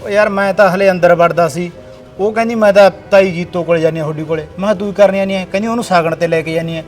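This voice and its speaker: A man's voice: sits high, steady tone, fast talker, soft background music, lightly acted. A man playing a grown village son, scolding and bossy in tone. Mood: persuading. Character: grown village son organizing flood relief. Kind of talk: village short film acting.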